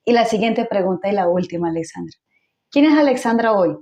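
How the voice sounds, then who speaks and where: A woman's voice: mid-range voice, lively intonation, fairly quick, darkish tone, highs cut off. A woman hosting a church interview program, who exhorts listeners in an uplifting, preaching way.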